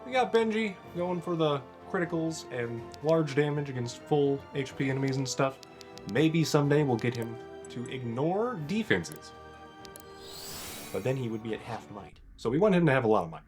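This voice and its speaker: A man with a medium-pitched, very varied voice hosts a let's play. He comments casually, with game music faintly behind him. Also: lively intonation, normal speed, a little mellow.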